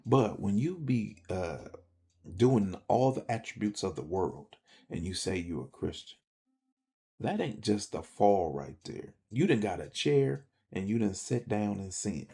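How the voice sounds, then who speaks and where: Gravelly, husky man telling his story. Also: fairly low pitch, animated, a little slow, mellow. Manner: emphatic, slangy, rambling storyteller. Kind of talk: personal testimony to camera. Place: speaking to a camera.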